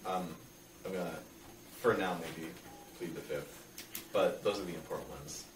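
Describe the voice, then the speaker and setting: A young man with a low voice answers questions in casual, rambling speech, often hesitating as he explains. He is recorded at a distance in an echoey room with faint noise. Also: a little slow. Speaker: interviewee.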